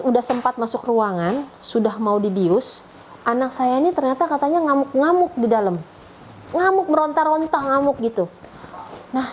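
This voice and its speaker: A woman's voice: fairly high pitch, darkish tone, a little hiss or hum, rough recording. Middle-aged woman telling her story. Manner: chatty, rambling storytelling with restarts and fillers. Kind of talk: emotional personal testimony.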